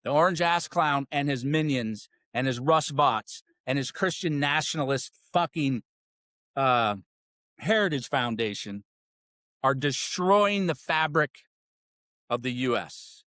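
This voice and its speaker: A man's voice: medium pitch, expressive, a little slow, a bit bright, dry recording, clean studio sound. A man hosting a political podcast, ranting with angry, sarcastic, profane commentary. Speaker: podcast host.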